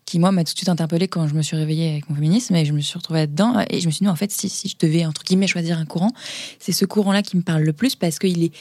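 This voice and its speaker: Low-voiced hesitant woman, mellow and dry. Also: steady tone, racing, dry recording. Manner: hesitant, searching for words with many restarts. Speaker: podcast guest, entrepreneur. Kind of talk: casual conversational interview.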